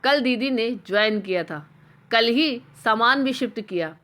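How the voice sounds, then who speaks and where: A calm, caring middle-aged husband speaks gently and reassuringly, voiced by a woman narrator. He is a figure in a told story, in a fairly high, soft-spoken voice. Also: measured pace. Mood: gentle.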